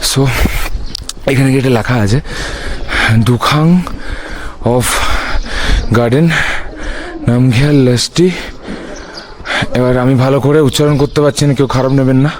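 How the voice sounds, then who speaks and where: Here a man records a casual vlog about his motorbike trip at a hilltop monastery, a bit out of breath and sprinkling English into his talk. He has a medium, steady, slightly mellow voice, speaking a little slowly with long pauses. The recording is low quality, with slight background noise.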